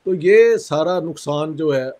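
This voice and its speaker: A man from Pakistan, a guest in an interview, speaking in a measured, critical way with pauses and a sore throat. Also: a little high, expressive, background noise. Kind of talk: conversational interview.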